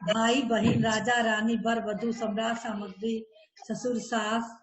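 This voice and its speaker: Slow, high-voiced woman teacher. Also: little pitch movement, reverberant, background noise. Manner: slow, repeating word pairs for students. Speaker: school teacher. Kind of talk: online Hindi grammar class.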